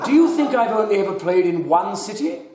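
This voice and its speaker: An Australian man hosting a live comedy game, teasing the audience in a theatrical, mock-imperious way and bursting into shouted chants. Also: sits high, big pitch swings, a little fast. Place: large hall with a live audience. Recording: echoey hall from a distance, crowd noise. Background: audience laughter.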